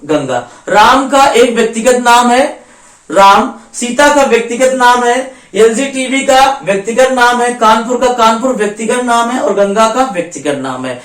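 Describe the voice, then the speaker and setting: A man's voice: very high-pitched, far from the mic. Echoey male teacher explaining grammar. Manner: repetitive, asks and answers his own questions. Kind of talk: exam-prep grammar lesson. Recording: echoey room, voice away from the mic.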